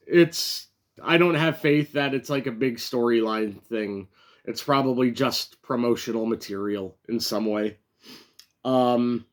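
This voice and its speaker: A man giving a casual solo review of a wrestling show, chatty and loose, with many fillers and bursts of excitement. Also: medium pitch.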